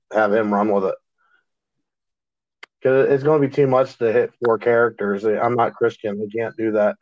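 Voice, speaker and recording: A man co-hosting a casual podcast, talking at an easy, unhurried clip and laughing often. His voice sits in a middling register. The recording is dry and a little dull and lo-fi. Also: medium pitch, no room sound. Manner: laid-back, laughs often, drawn-out phrasing. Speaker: podcast co-host. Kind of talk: casual chat. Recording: dull lo-fi sound.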